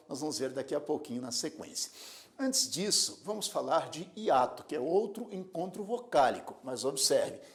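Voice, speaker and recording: A man teaching a grammar lesson, spelling words out syllable by syllable and telling students to observe. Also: a little high. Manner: addresses students directly with repeated prompts to observe. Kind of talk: recorded video lesson.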